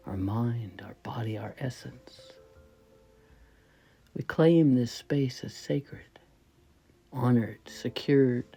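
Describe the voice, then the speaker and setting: Leading a slow guided meditation, a woman speaks in very deep tones that stay soft and breathy, often sinking toward a whisper. Her phrasing is short, measured, and reverent.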